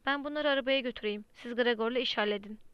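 A brusque, impatient woman from an audiobook, as a narrator reads her, snapping out short orders. The voice is smooth and a little high. The recording is dry and slightly muffled. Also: fast, no echo, lightly acted. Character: brusque, impatient adult woman courier of children.

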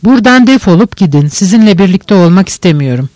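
A man reading a bitter young male radical, hostile and scornful. Each line comes out curt in a fairly high voice. The audiobook sound is dry and close, with no room around it. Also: lively intonation, quick pace, darkish tone, no room sound.

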